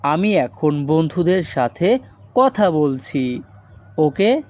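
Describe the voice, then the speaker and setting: A man teaching a spoken language lesson, saying foreign phrases slowly and breaking them down word by word. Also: fairly high pitch, very animated, a little mellow, dry recording. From Bangladesh.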